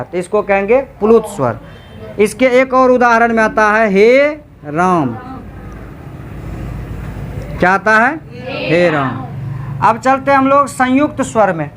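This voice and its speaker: A man teaching a class, quizzing students with repeated questions and drawing out sounds slowly to demonstrate them. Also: high-pitched, a little hiss or hum. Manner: slow, drawn-out sound demonstrations. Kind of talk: classroom grammar lecture.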